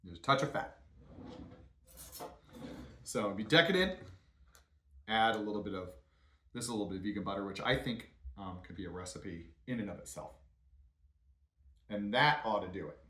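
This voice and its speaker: A man chats his way through a home cooking demo, relaxed and rambling, with frequent ums and uhs. His voice sits on the low side and rings around a hard, echoey kitchen. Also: normal speed, pauses often. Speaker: home cooking channel host. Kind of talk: casual cooking demonstration.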